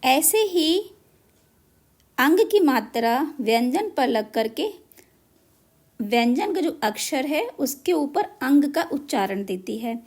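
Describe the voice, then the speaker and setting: A woman teaching a children's lesson on letter marks, spelling out each syllable slowly and deliberately. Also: high voice, big pitch swings. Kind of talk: Hindi matra lesson.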